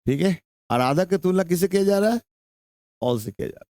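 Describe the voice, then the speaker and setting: A man's voice: high voice, lively intonation, fairly quick, dark tone, dry recording, studio quality. A young man with a Bihari Hindi accent teaching an English grammar lesson to a class, drawing out his words and repeating questions and answers.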